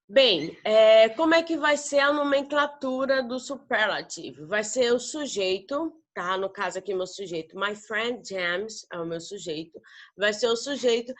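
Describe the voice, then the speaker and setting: A woman's voice: mid-range voice, a bit bright. A woman from Brazil teaching an English grammar lesson in Portuguese, explaining patiently and checking in with the students after nearly every step. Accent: northern Brazilian Portuguese. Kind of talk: recorded classroom lesson.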